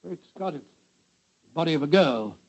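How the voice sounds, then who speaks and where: An actor playing a blustery, bumbling older English doctor who tells stories in a 1940s radio drama. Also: male voice, fairly high pitch, lively intonation, normal speed, poor audio. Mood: blustery, startled.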